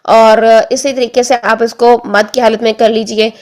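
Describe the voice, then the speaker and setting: Young woman teaching quran pronunciation, kinda high voice, repeats each sound slowly, keeps saying ok. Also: little pitch movement, darkish tone. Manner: patient, demonstrates sounds slowly with repeated drills; checks in often with "theek hai". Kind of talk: tajweed pronunciation lesson.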